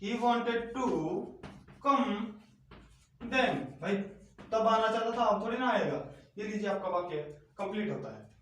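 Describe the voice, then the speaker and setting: High-voiced Hindi teacher in echoey room. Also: male voice, a bit bright, distant mic. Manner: repeats key words slowly, asks rhetorical questions. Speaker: English grammar teacher. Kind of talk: slow step-by-step online lesson. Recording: echoey room, off-mic, faint noise.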